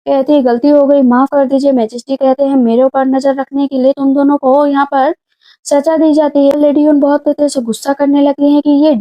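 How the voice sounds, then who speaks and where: A woman's voice: high voice, little pitch movement, normal speed, dark tone. A woman narrating a drama recap in a casual storytelling way, speaking the characters' lines in her own voice. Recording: dull lo-fi sound.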